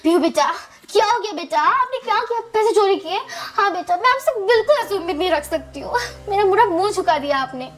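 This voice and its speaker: Worried, pleading doll-story mother, voiced by a woman, very high voice, faint music behind. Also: expressive, brisk. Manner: pleading, soothing, urgent. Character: worried pleading mother defending her small daughter. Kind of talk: doll-story role-play.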